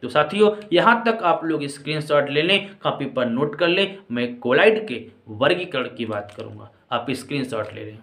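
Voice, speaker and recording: A man teaching chemistry in a lecture, explaining step by step, calling his students children and often asking whether everything is clear. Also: mid-range voice, lively intonation, moderate pace, few pauses, a bit bright. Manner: addresses students as children and friends. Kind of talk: classroom-style lecture. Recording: echoey room.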